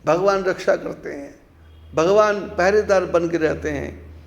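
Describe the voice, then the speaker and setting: A man's voice: high-pitched, unhurried, gravelly, dull audio. A man giving a devotional discourse as a spiritual teacher, telling stories and asking rhetorical questions with repeated phrases.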